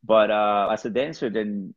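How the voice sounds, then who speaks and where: Low-voiced man. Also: normal speed. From Peru. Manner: relaxed, rambling, with many fillers and restarts. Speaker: salsa DJ guest. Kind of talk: casual interview chat. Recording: dull lo-fi sound.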